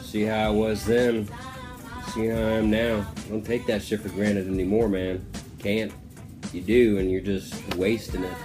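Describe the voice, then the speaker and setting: With background music underneath, this twenty-something podcast host speaks in an unhurried way. His fairly low voice barely moves in pitch as he gives a blunt, candid, casual pep talk.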